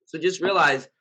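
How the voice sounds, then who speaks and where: A man with a scratchy, hoarse voice talking casually to his community as founder, earnest and reassuring, rambling with many fillers and self-corrections. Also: fairly high pitch, sharp tone. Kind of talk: casual spoken update to followers.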